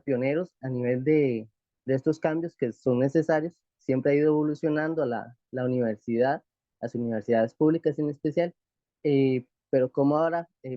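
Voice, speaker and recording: A man's voice: mid-range voice, dark tone, dry recording, lo-fi sound. A man in the audience giving formal thanks and comments at an online talk, hesitant and repeating "¿verdad?".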